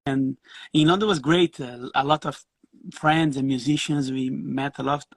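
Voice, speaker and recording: A middle-aged Brazilian musician, appearing as a guest in a casual video-call interview, tells his story while halting and restarting his phrases. His voice is medium in pitch with fairly even intonation, and there is no echo.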